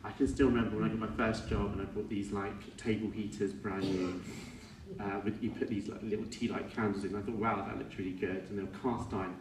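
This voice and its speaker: Halting, low-voiced man speaking in an echoey room. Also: steady tone. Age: middle-aged. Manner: halting and reflective, with self-corrections. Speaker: son giving a eulogy for his father. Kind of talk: informal funeral speech. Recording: echoey room, distant mic, faint noise.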